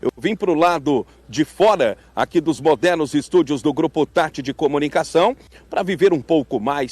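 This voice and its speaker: A man reporting live outdoors from a farm fair, joking and teasing his guests with quick questions. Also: fairly high pitch, a little mellow. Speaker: field reporter and host.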